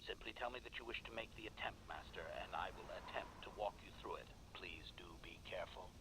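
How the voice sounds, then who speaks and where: A man's voice: sits low, quick pace, background noise. A man voicing a video game assassin droid, servile yet condescending, formal and clipped, through a metallic robot filter. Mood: haughty, servile. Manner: formal, clipped, announces each statement type, obsequious yet haughty. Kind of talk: scripted video game dialogue.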